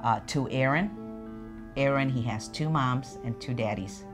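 A woman in her forties from Chicago talks through her family's story on a sofa in a living room, speaking frankly and pausing with fillers as she goes. Soft music plays faintly underneath. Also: extremely low pitch. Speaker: interviewee, co-parent. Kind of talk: casual interview.

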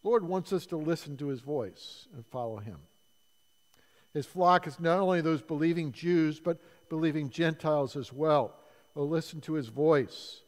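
A man's voice: fairly high pitch, normal speed, big-room sound. A man preaching as pastor in a sermon, reading scripture with earnest emphasis and praying. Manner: earnest preaching, softening to a hushed prayer. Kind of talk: sermon and prayer. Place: church sanctuary.

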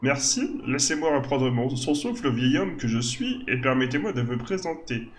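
A man's voice: medium pitch, sing-song, moderate pace, voice pushed up, lightly acted. A man voicing an elderly gnome astrologer in a video game, formal, earnest and a little theatrical. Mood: mysterious, earnest.

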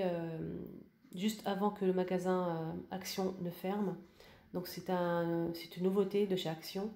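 A woman's voice: lowish voice, mellow, echoey room. A woman giving a casual home decor tour and showing her purchases, talking hesitantly with many fillers and restarts. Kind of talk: casual voice-over room tour.

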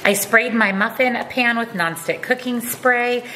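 A woman's voice: on the high side, measured pace, pushed and bright, a little hiss or hum. A woman hosting a cooking channel, talking viewers through a meal prep step by step in a friendly voice-over.

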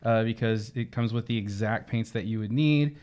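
A man's voice: lowish voice, moderate pace, darkish tone, smooth. A man co-hosting a casual chat about games, enthusiastic and gushing. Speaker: co-host.

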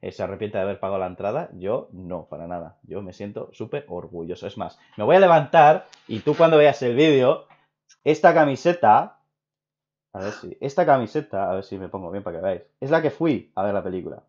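A young man from Spain with a Spain Spanish accent, hosting a casual opinion chat and rambling excitedly with many restarts. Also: on the low side, a little fast. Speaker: video host. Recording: dull lo-fi recording.

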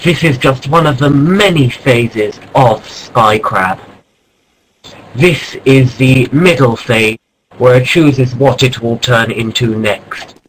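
A man narrates in the hushed, mock-serious manner of a wildlife documentary, deadpan and unhurried. His pitch sits in an ordinary middle range, and he breaks into startled exclamations now and then. Faint background noise runs beneath his voice. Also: poor audio. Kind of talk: mock nature-documentary narration over gameplay.

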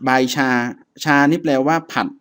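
A man teaching a reading lesson, reading items aloud one by one and then explaining each in a patient, relaxed way, with frequent polite particles. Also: moderate pace. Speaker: language teacher.

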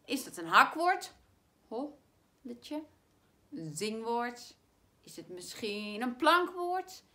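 A woman teacher with a Dutch accent giving a spelling lesson to primary pupils, saying words slowly and clearly so they can be spelled. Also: a little high, sing-song, sharp tone. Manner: slow, clear, stretches words to spell them out.

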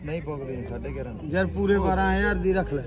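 A man with a Punjabi accent haggling loudly as an insistent, repetitive livestock seller. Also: fairly high pitch, quick pace. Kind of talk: loud market haggling. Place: outdoor livestock market. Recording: busy outdoor crowd, vehicle noise.

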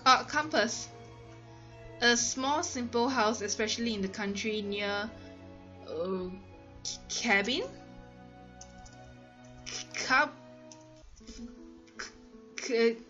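High, bright-voiced Singaporean woman, muffled audio. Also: slow, pauses often, soft background music. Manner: exclaims and thinks aloud, giggly. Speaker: gamer hosting a let's play. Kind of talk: casual chat and reading aloud while playing a word game.

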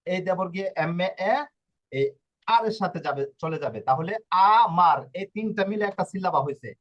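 A man's voice: high-pitched, brisk. A man teaching an Italian spelling lesson, patiently explaining and checking in with his students again and again. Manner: patient, repeats points and checks in with "okay?". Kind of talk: live online class in Bengali. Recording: dull lo-fi audio.

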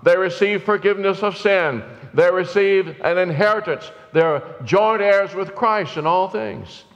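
A man's voice: high voice, a little slow. An older man preaching a sermon from a church pulpit, earnest and rising to urgent exhortation. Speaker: pastor. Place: church sanctuary, indoors, at the pulpit. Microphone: pulpit mic from a far camera. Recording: roomy hall reverb, dull lo-fi sound.

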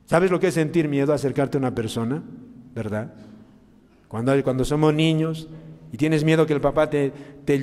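A man preaching a sermon as a priest, asking the congregation many questions, with big swings in loudness and pitch. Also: big-room sound. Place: church during mass.

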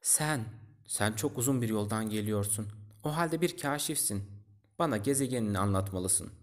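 A man's voice: lowish voice, lively intonation, moderate pace, natural voice. A man voicing a pompous old geographer. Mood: lecturing. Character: old male geographer, bookish and self-important.

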